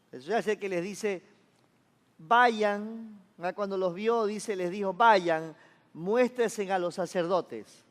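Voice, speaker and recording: Male pastor, high voice, chatty sermon delivery, long church reverb. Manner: conversational preaching, asks the congregation for agreement.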